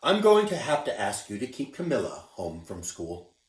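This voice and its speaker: A man's voice: medium pitch, huge pitch swings, normal speed. A man playing a stern, regretful principal. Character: stern, apologetic male school principal. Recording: roomy, distant mic.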